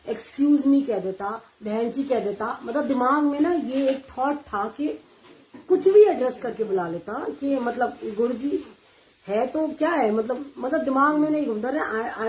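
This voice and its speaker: A woman's voice: a little high, expressive, measured pace, a little mellow, a little hiss or hum, rough recording. A middle-aged woman sharing a personal devotional testimony, mixing Hindi and English and retelling dialogue with animation. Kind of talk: personal storytelling.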